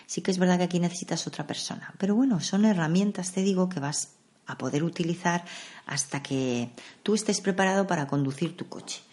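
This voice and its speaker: Low-voiced woman, calm podcast talk. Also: fairly quick. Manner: calm, conversational, gently explaining. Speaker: podcast host. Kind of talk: reflective podcast monologue on meditation.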